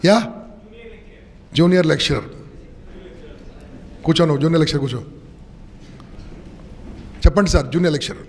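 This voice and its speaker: Brief: high-pitched male motivational speaker, commanding and rousing, long hall reverb. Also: a little fast, pauses often. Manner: commanding, rousing, mixing English into Telugu. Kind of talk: motivational seminar talk to students.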